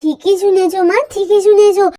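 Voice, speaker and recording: Brief: woman doing a little girl's voice for a storybook doll tale, very high-pitched, close and dry, eager and urgent. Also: fairly even intonation, moderate pace, warm tone, dry recording. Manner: urgent, breathless calling. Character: little village girl Pakhi, eager and excited.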